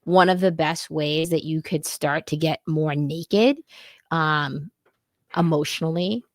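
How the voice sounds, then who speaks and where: A woman's voice: low-pitched, takes it slowly, no echo, studio quality. A woman co-hosting a podcast, talking about marriage in an earnest, reflective way with loose, easygoing phrasing. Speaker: podcast co-host. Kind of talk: candid casual chat about marriage.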